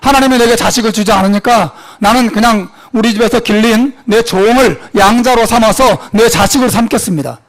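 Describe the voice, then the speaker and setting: A man's voice: sits high, brisk, few pauses, pitched above the performer's own voice. A man preaching, putting on an anxious old man who protests and insists on what he wants. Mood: protesting.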